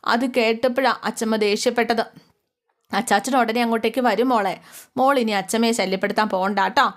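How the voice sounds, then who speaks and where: A woman's voice: a little high, steady tone, brisk, close to an everyday voice. A woman voicing a young father who patiently coaxes and soothes his small daughter. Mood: soothing.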